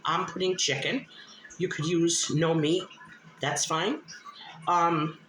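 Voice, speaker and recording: A woman's voice: on the low side, fairly even intonation, takes it slowly, fairly bright tone. A woman giving a casual home cooking demonstration in a homely, plain-spoken way, a little short of breath as she recovers from illness. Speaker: host of a home cooking vlog. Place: indoors at home, in a kitchen. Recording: roomy echo, clear background noise.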